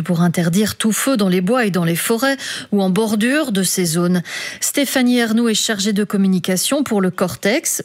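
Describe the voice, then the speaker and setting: Fields: Sex: woman. Role: newsreader. Pitch: mid. Style: steady, measured bulletin reading. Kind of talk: radio news bulletin.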